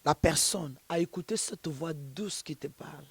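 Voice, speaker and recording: A woman's voice: sits low, normal speed, gravelly, husky, dry recording. A woman pastor being interviewed, preaching and telling stories with emphasis. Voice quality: emphatic, storytelling.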